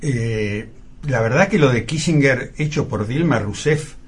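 A man comments on politics on a radio panel. His husky voice keeps a middle pitch. He speaks in a measured way and pauses often on fillers. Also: animated. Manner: measured, hesitant with many fillers.

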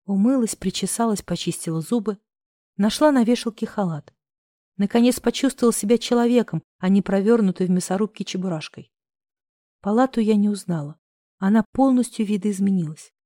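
A woman's voice: mid-range voice, fairly quick, dark tone, no room sound, clean studio sound. A woman narrating a first-person novel in an emotive, heartfelt way. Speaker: audiobook narrator.

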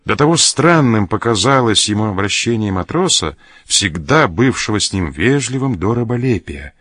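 A man narrating an adventure audiobook with an expressive, dramatic reading. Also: lowish voice, normal speed, dry recording, studio quality. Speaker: audiobook reader.

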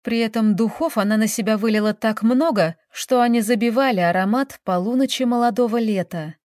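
Expressive woman reading a story. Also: a little high, brisk, no room sound, studio quality. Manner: expressive reading, voices characters lightly. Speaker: narrator. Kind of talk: scripted narration of a village story.

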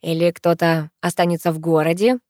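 A woman's voice: lowish voice, fairly even intonation, fairly quick, a little mellow, no echo, clean studio sound, close to an everyday voice. A woman voicing a cheerful, boastful young man who talks eagerly.

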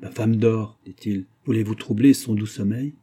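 A man reading aloud, voicing a ruined, desperate knight who pleads in anguish, with a dark, husky voice. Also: on the low side, fairly even intonation, moderate pace. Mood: pleading.

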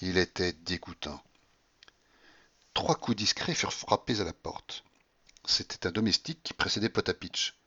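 Guy reading a classic novel aloud, calm and even, muffled lo-fi sound. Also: low-pitched, moderate pace, long pauses, slightly rough. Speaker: audiobook narrator. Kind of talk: literary audiobook narration.

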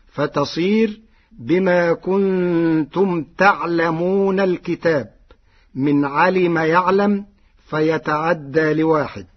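Male recitation teacher, fairly high husky voice, slow deliberate delivery, dull lo-fi radio sound. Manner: calm and deliberate, chanting each example phrase. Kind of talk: radio lesson on recitation variants.

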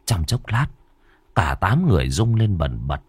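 A man narrating a ghost story in a dramatic way, slowing down for tense moments. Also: low-pitched, very animated, slightly rough, dry recording. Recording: dry close voice with faint background music.

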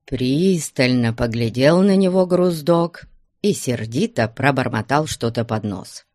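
A man narrating a classic novel in a measured, unhurried storytelling manner. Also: mid-range voice, lively intonation, darkish tone, dry recording, clean studio sound. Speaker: audiobook narrator.

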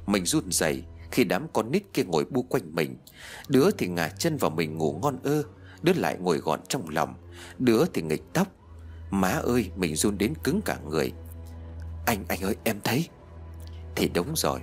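A man narrating a first-person horror audiobook, acting out the dialogue with a lively delivery. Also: moderate pace, faint music behind. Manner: lively, voicing dialogue with higher pitch.

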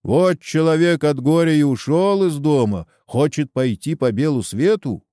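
A man's voice: on the high side, normal speed, mellow, no room sound, studio quality, voice pushed up, natural voice. A man voicing a persuasive male village headman in a storybook reading, talking heatedly. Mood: urging. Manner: coaxing, heated.

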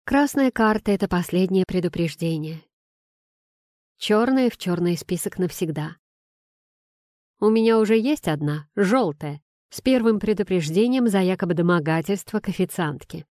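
A woman reading a first-person novel aloud, in a steady, measured way. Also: mid-range voice, no room sound, studio quality. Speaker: audiobook reader. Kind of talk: first-person audiobook narration.

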